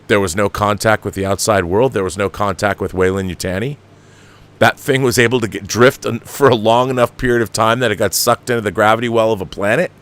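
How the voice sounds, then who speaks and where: An American man in his fifties hosts a film commentary show full of strong opinions, reading out viewer questions. His lowish voice holds a steady tone and a fairly bright quality at a brisk clip, and he sounds emphatic and exasperated, repeating himself to drive points home.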